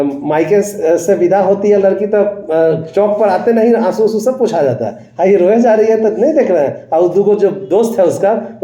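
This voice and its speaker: Male teacher, slightly high voice, repeats phrases as he lectures and tells stories to students, roomy recording. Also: warm tone, muffled recording. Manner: mixes Hindi with English phrases, repeats phrases; tells anecdotes, addresses students directly. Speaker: English teacher. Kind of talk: classroom lecture.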